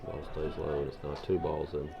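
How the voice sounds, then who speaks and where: A man calling baseball play-by-play in a measured, unhurried way. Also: a bass voice, completely flat delivery, gravelly, dull audio. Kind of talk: live sports commentary. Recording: loud crowd and ballpark noise. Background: crowd and ballpark ambience.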